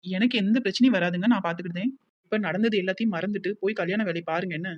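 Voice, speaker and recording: A devoted young village woman with a Tirunelveli accent, as a voice actor plays her in a cartoon. She talks quickly in a gentle, comforting voice and keeps insisting. The sound is dull and lo-fi. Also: medium pitch, slight background noise, close to an everyday voice. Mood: insistent. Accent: Tirunelveli Tamil.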